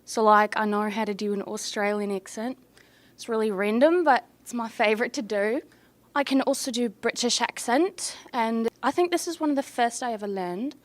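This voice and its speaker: A woman's voice: a little high, moderate pace. A young woman talking playfully about doing accents. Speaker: student interviewee. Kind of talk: casual chat.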